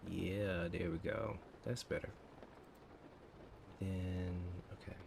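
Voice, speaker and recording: Deep, slow, and full of vocal fry, a thirty-something streamer talks to himself while coding, trailing off into muttered fragments. It's relaxed livestream chatter recorded with steady background noise.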